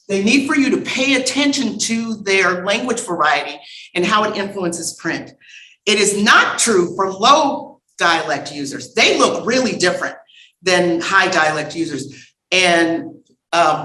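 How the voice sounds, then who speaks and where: Bright-voiced woman lecturing, roomy hall. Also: medium pitch. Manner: lively and humorous, calls for next slide. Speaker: conference speaker. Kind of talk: lecture with audience banter. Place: conference room with audience.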